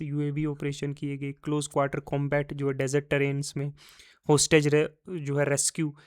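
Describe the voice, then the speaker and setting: A man gives an exam-prep lecture in a chatty, classroom way, with terms. His voice sits a little high for a man. He repeats the key words and poses his own quiz questions before answering them. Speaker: teacher.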